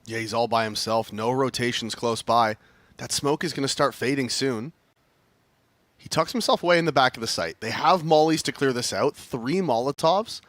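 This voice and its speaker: A man's voice: mid-range voice, normal speed, a bit bright, no echo. A man working as an esports caster, explaining and calling live match action in short clipped phrases. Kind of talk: live esports analysis and play-by-play commentary.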